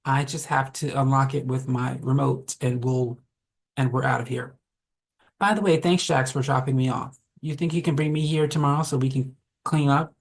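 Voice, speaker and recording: Brief: man reading as a pleased-with-himself young guy, husky, even mid pitch. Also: moderate pace. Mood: amused. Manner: matter-of-fact, amused. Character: smug young man who staged the prank.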